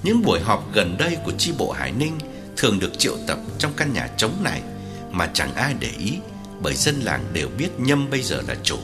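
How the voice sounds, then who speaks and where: A man narrating an audiobook in scripted narration with an expressive delivery. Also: on the low side, a little fast, over music.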